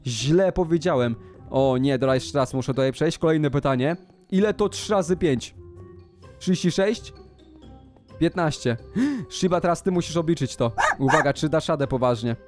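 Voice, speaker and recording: Over music, a man hosting a gaming channel excitedly commentates on his game, gasping, shouting and talking to his pet dog. His voice is a little high and he speaks at a normal speed.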